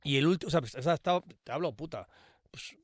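A Mexican man in loose podcast banter, his speech quick and his voice a little high. He jumps in often and leans on crude jokes. The close mic picks up no room at all. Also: no echo. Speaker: podcast co-host. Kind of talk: casual banter.

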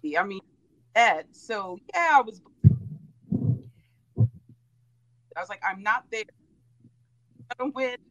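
A middle-aged woman, a football player's mother, chatting excitedly as a remote guest while her call audio keeps cutting out. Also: mid-range voice, dry recording, low-quality recording. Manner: excited, laughing, quick restarts. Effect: choppy, cutting-out internet call audio. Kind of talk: casual interview chat. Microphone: remote video call. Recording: dry audio breaking up over a bad call connection.

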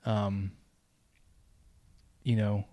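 A man from Texas with a gentle giant voice, hosting a sports podcast in a loose, informal, conversational way. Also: lowish voice, flat delivery, drawn-out words. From Texas, United States. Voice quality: gentle giant voice, soft and big. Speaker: podcast host. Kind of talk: casual sports podcast chat.

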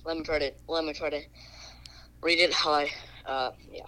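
A man playing a one-armed caller who doesn't get sarcasm, in an improvised comedy bit, talking in a halting, literal way. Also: on the high side, steady tone, a loud crowd, lightly acted, poor audio. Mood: plain.

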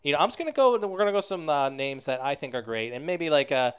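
Playful male host, smooth voice. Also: a little high, animated, quick pace. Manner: playful, joking, self-described nerd. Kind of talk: casual interview.

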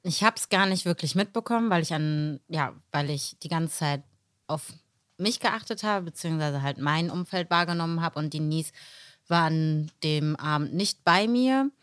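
A woman with a low voice answers interview questions hesitantly, filling her pauses with "ähm". Her sound is dry and close to the mic. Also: lively intonation, fairly bright tone, no room sound. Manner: hesitant, many fillers. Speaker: guest.

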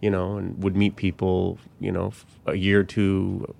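A man's voice: low voice, monotone, moderate pace, gravelly, a little mellow. A man from Colorado, a magician, talking in a rambling, reflective way full of fillers on a podcast. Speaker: magician guest. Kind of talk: casual podcast conversation.

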